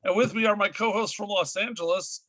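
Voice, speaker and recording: A man's voice: sits high, fairly quick, bright, forceful tone, no room sound, low-quality recording. A man co-hosting a radio talk show, opening with an upbeat, jokey announcer delivery. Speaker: co-host.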